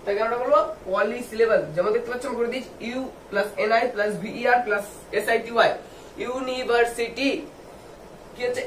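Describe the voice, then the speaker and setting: A man with a high voice gives a video lesson for students. He spells words out slowly, letter by letter, and answers the questions he asks. He sounds distant from the mic in a roomy space with faint noise behind him. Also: fairly even intonation, a bit bright. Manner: asks the viewers questions and answers them himself. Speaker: English tutor.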